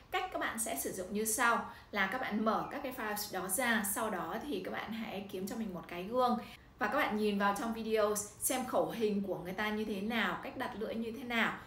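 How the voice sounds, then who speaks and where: A Vietnamese-accented woman tutor giving an instructional language-learning talk, animated and exaggerating intonation when demonstrating. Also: medium pitch. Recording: echoey room, somewhat distant mic, faint noise.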